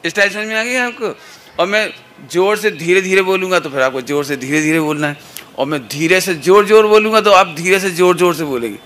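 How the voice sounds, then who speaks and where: Bright-voiced man leading children's chants. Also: sits high, brisk. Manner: playful, coaxing, leads slogans in rhythmic counts. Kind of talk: call-and-response chanting lesson for kids.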